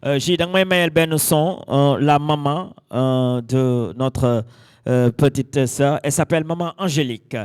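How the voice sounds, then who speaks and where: A man playing a genial celebration master of ceremonies in a drama, announcing haltingly with many pauses. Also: a little high, a little mellow, clear, resonant tone, dry recording, studio quality, lightly acted. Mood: ceremonial.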